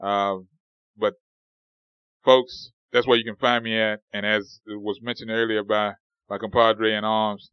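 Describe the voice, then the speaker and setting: A man's voice: on the low side, little pitch movement, a little slow, clean tone, no room sound, lo-fi sound. A man co-hosting a casual sports podcast, rambling with many fillers and restarts. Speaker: podcast co-host.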